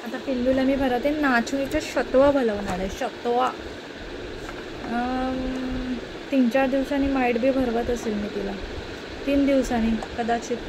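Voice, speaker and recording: A young woman, talking slowly in a high voice as she vlogs about her baby at home. She chats in a doting way. The phone recording carries plenty of background noise. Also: steady tone. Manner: chatty and doting, with sing-song baby talk. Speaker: mother and vlogger. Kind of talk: casual home vlog chat.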